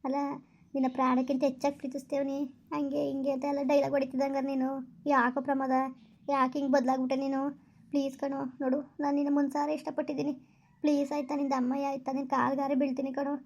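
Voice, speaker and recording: A woman's voice: high-pitched, completely flat delivery, fast, darkish tone, lo-fi sound. A woman playing a heartbroken girlfriend begging. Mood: pleading. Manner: pleading, tearful, repeats please. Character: heartbroken young woman begging her lover. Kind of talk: village skit acting.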